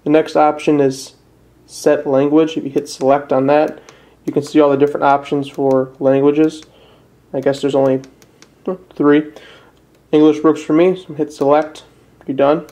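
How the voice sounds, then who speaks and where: A young Midwestern man from northern Illinois presents an amateur step-by-step tutorial indoors at his desk, casual and a bit hesitant, in plain terms. His mellow voice sits on the high side, with a level tone, normal speed, and frequent pauses.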